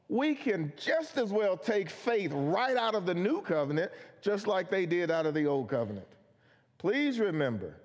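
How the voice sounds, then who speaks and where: A man preaching a Bible study sermon, earnest and emphatic, asking questions and answering them himself. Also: sits high. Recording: long hall reverb.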